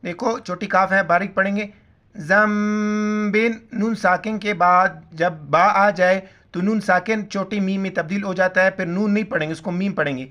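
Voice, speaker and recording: A man teaching Quran pronunciation, spelling out letters and vowel marks syllable by syllable, and chanting the words slowly between quick explanations. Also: high-pitched, fairly even intonation, bright, forceful tone. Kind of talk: pronunciation lesson with recitation.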